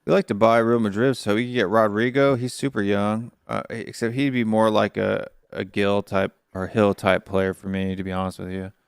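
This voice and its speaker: An American man from the United States in casual football chat, laid-back and trailing off quietly. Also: lowish voice, little pitch movement, moderate pace, vocal fry, hardly any pauses, clean tone, no room sound, studio quality.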